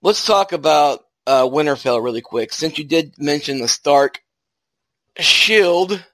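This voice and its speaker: A man's voice: on the high side, expressive, unhurried, fairly bright tone, dry recording. A man hosting a podcast, chatting casually with a co-host.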